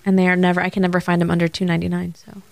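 A woman in her thirties co-hosting a casual chat podcast, telling stories with lively, animated quoting. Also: rapid-fire, gravelly, no room sound. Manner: animated storyteller, jumps into high voices when quoting. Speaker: podcast co-host.

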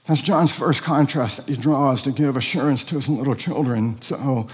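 A man's voice: mid-range voice, moderate pace, big-room sound. A pastor preaching an expository sermon, earnest and emphatic, asking rhetorical questions of his congregation.

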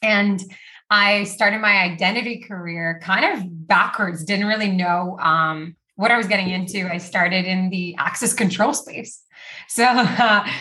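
Brief: woman from Brazil, bright lively voice, chatty interview guest, lots of "like". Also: medium pitch. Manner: chatty, uses "like" often, laughs between phrases. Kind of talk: casual interview talk.

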